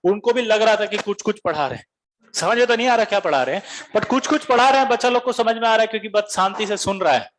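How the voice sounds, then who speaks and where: A man's voice: sits high, fast talker, a bit bright. A man from Bihar, a teacher giving a comic classroom lecture, quizzing students and telling stories with animation. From Bihar, India.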